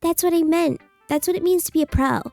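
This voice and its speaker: A woman's voice: very high-pitched, fast, gravelly, warm tone, no room sound, faint music behind, voice pushed up. A woman streamer voicing a bratty, defensive anime schoolgirl from a visual novel game in a cutesy, huffy voice. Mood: smug, earnest. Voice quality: cutesy, annoying anime-girl voice.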